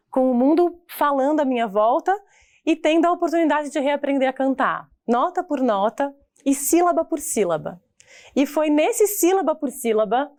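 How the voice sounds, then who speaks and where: A woman's voice: high-pitched, a little mellow. A woman with a Brazilian Portuguese accent, a singer and voice teacher, telling her own life story in a heartfelt, reflective talk. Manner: heartfelt, reflective, pauses and restarts.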